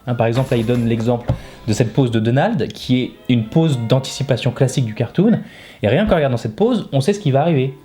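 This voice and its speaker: A man's voice: mid-range voice, animated, fast, dark tone, faint music behind. A man hosting an animation lesson, explaining things in a casual, informal way and often adding little tag words. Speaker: animation teacher and video host.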